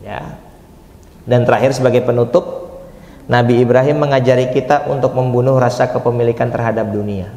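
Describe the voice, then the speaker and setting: A man's voice: medium pitch, steady tone, brisk, darkish tone. A man giving a conversational sermon, asking the audience questions and answering them himself. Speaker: preacher. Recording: echoey hall, reverberant.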